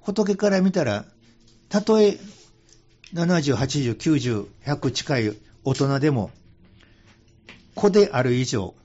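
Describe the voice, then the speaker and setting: A man's voice: medium pitch, expressive, takes it slowly, long pauses, dark tone, dull audio. A man with a Kansai accent, a Buddhist temple priest talking casually on a radio show and slipping into folksy dialect. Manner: folksy, chuckling, slips into Kansai dialect for emphasis. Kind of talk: relaxed radio talk on Buddhist teaching.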